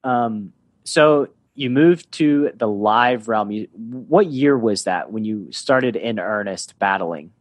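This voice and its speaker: A man hosting a podcast interview, asking questions in a relaxed conversational way. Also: on the low side, slow, no echo. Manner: conversational, asks leading questions. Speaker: podcast host.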